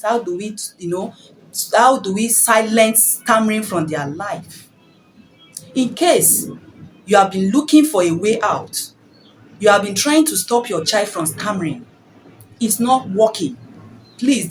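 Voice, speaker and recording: A woman's voice: medium pitch, poor audio. A woman giving parenting advice in an earnest, preachy way, repeating phrases and asking rhetorical questions. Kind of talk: preachy advice talk to camera.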